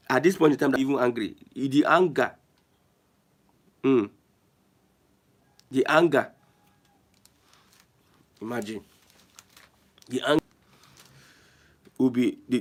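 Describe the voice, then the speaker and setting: A Nigerian man hosting an online show, giving emphatic, repetitive political commentary and reading viewer comments. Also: medium pitch. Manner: emphatic, repeats phrases, restarts often.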